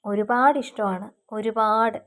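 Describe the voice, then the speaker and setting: A shy young girl in love speaks earnestly, close to tears, as a woman reading the story voices her. The voice is soft and slightly high, in a storybook romance. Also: fairly even intonation, slow pace.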